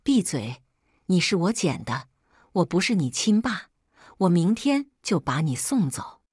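A woman voicing an angry rural father who shouts threats, read in a story. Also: fairly low pitch, very animated, measured pace, slightly rough, dry recording, clean studio sound, heavily acted. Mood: defiant.

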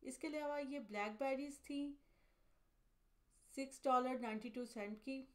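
A woman with a fairly high voice narrates a store-tour vlog as a scripted voice-over. She talks steadily and plainly, walking through items and their prices one after another. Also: measured pace. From Pakistan. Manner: steady, matter-of-fact, listing prices item by item. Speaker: vlogger, mother.

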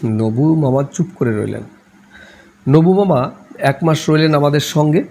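A man reading a novel aloud in a calm, measured way. His voice is dark and mellow with a rough, gravelly grain, sitting at an ordinary pitch for a man. A faint hiss of noise lies under the reading. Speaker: narrator.

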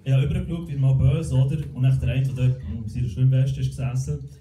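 Swiss German comedian, deadpan stand-up. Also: male voice, mid-range voice, fast talker, recorded from a distance, slight background noise. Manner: deadpan, self-mocking, acts out voices. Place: comedy club stage. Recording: roomy club with loud crowd and music.

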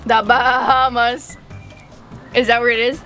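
A young woman with a noticeably high voice chats in a casual, teasing back-and-forth. There is faint music in the background. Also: little pitch movement, measured pace, bright, forceful tone. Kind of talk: casual bantering chat. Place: outdoors against a house wall.

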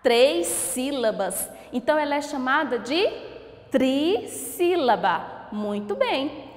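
In an echoey room with long reverb, a Brazilian teacher speaking Brazilian Portuguese records a lesson for children. Her voice is high-pitched with big swings as she slowly sounds words out syllable by syllable. She encourages the kids, asking questions and giving praise.

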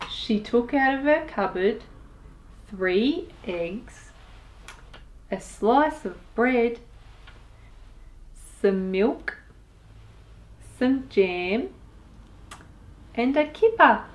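Reading a picture book to small children, a high-voiced woman goes very slowly, expressive and deliberate, with sound effects and asides to the kids. The recording quality is low.

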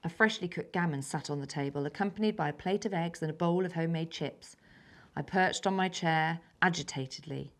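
A schoolgirl of about ten from England reads her own story aloud. Her voice is rather low for her age, and she reads carefully and evenly, slipping into soft, breathy passages now and then. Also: brisk. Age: child, about 10. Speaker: young story author.

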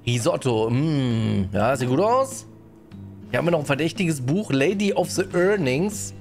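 A man streams a game live, chatting with viewers and greeting them as he plays, and he often ends sentences with a questioning "ne?". His mid-range voice is expressive and a little mellow, moving at a measured pace, with faint music in the background.

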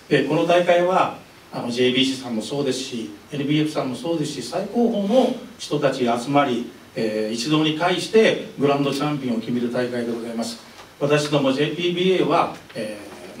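A man's voice: a little high, slight background noise. An older man heading a professional sports association, speaking very politely and formally at a press conference, hesitating with fillers. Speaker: professional bowling association head. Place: indoor press conference room. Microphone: desk microphone. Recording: roomy, mic a bit distant.

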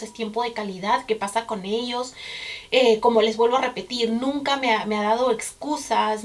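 A chatty Peruvian woman in her thirties with a Peruvian Spanish accent and a voice pitched a little high. She talks casually to camera like a vlogger, circling back and repeating words to stress her points. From Peru.

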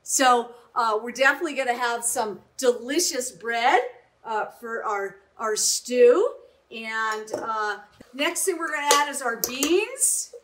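A woman's voice: a little high, animated, takes it slowly, fairly bright tone, slight background noise. A middle-aged woman chef giving an upbeat cooking demonstration in a home kitchen, often checking in with "right?".

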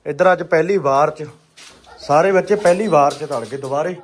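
A man giving casual, animated vlog commentary, often repeating short phrases. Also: fairly high pitch, moderate pace. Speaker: pigeon keeper and vlogger.

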